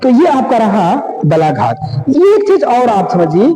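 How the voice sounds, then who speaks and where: A man teaching a grammar lesson, repeating phrases and drawing out words slowly for emphasis. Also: extremely high pitch, big pitch swings, music in the background. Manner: slow, repetitive, drawn-out words for emphasis. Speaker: Hindi teacher. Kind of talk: lecture explaining grammar. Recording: echoey room with faint noise.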